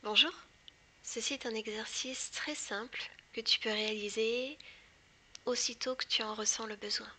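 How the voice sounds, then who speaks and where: A woman guiding a hypnosis session in a hushed, breathy whisper right in the listener's ear, soothing and deliberate with long pauses. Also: a little high, fairly even intonation. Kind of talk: guided hypnosis, soft ASMR delivery.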